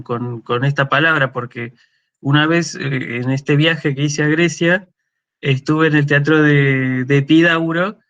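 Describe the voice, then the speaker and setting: A man's voice: fairly high pitch, fairly bright tone, muffled recording. A man with an Argentine Spanish accent giving a university lecture, explaining step by step and often checking in with a questioning "¿sí?". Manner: thinking aloud with fillers and restarts.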